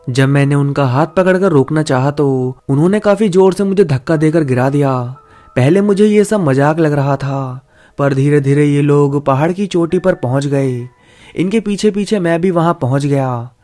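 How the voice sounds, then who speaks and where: Male horror storyteller over soft music. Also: on the high side. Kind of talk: scripted first-person horror narration.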